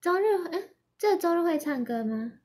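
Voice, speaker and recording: A young Japanese woman hosting a relaxed livestream, her voice sitting high and her words unhurried. She giggles often, drifts between Mandarin and Japanese, and reads out viewer comments as she goes. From Yamanashi, Japan. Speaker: idol livestream host. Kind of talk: casual livestream chat.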